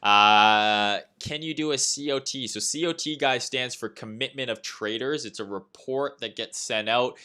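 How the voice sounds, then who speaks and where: His voice is mid-range, pushed and bright, with a clear, resonant tone. He's a young Canadian livestream host and trading analyst with a Canadian accent, giving casual market commentary. Loose and chatty, he reads chat aloud and keeps saying "uh" and "right?".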